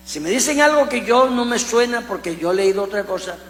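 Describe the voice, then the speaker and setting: A man from Colombia, preaching a conversational sermon with animated storytelling and humorous asides. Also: sits high, brisk. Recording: echoey hall with mains hum.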